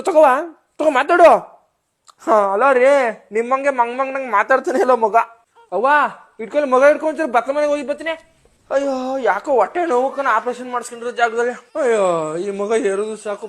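A man acting as a fussy, gossipy young village mother just after childbirth, nagging and chattering on the phone in a comic skit. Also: very high voice. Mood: whiny, demanding.

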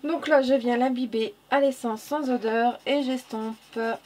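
Woman, accented French, coloring tutorial host, chatty, self-correcting, slightly high voice, faint room hiss. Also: fairly even intonation, measured pace, darkish tone. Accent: non-standard French. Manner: chatty, self-correcting, laughs at herself, muttering "hop" while working. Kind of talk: casual narrated drawing tutorial.

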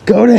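A young man vlogging his fishing trip outdoors on a frozen lake, talking excitedly and laughing often into an action camera. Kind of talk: excited outdoor vlog chat. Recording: outdoor wind noise on camera mic.

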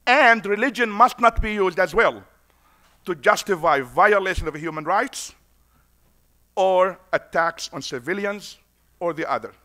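A man's voice: fairly high pitch, sharp tone. Earnest man giving a conference speech. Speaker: conference speaker.

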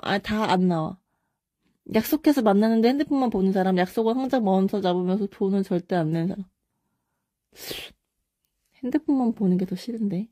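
A young woman casually chatting on a live stream, reading viewer comments aloud and answering quick either-or questions. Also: medium pitch, dark tone, no echo, clean studio sound.

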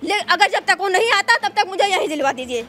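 A woman's voice: very high voice, expressive, brisk, sharp tone. A woman talking to a reporter outdoors outside a house, pleading her side of a family quarrel in earnest. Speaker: daughter-in-law interviewee. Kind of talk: street interview.

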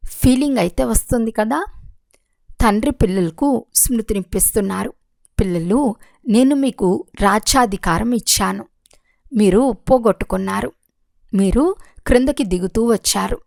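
A woman reading a religious discourse aloud in a steady, measured way. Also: a little high, vocal fry, dry recording. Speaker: reader of a spiritual discourse.

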